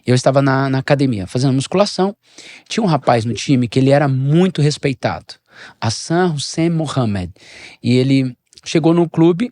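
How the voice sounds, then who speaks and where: A man with a Brazilian accent, a pastor and former footballer, telling animated stories in a podcast interview and acting out the voices of people he quotes. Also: medium pitch, dry recording, studio quality. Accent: Brazilian Portuguese.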